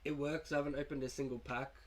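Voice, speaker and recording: This young gaming YouTuber has a fairly high-pitched, level voice and talks fast. He's sick and coughing as he rambles casually through his video game team.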